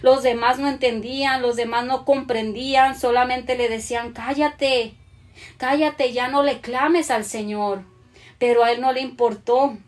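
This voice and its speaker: A woman preaching a sermon to a women's group, reading scripture aloud and slowing down on the verses. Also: a little high. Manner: earnest, slows down when reading scripture.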